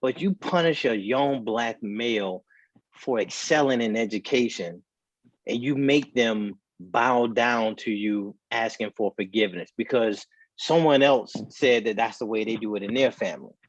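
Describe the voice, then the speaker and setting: A man's voice: mid-range voice, unhurried, dry recording. A man co-hosting a casual talk show, his voice muffled as if heard through a wall, talking in earnest, heated bursts. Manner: earnest and heated, speaks in short restarting bursts. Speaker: podcast co-host. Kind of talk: casual opinionated chat. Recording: dull muffled remote call audio.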